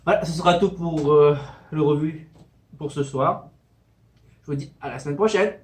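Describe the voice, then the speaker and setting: A man's voice: on the high side, normal speed, a little mellow. A man giving a casual mukbang-style food review, talking between bites as he eats spicy noodles.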